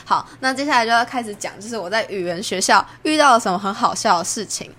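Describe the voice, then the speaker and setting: A young woman from Taiwan with a Taiwanese Mandarin accent, hosting a podcast and chatting through a personal story, jumping up in pitch when she acts out what people said. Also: lively intonation, quick pace, fairly bright tone. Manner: chatty, acts out quoted lines with big pitch jumps. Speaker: podcast host. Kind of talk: casual storytelling monologue.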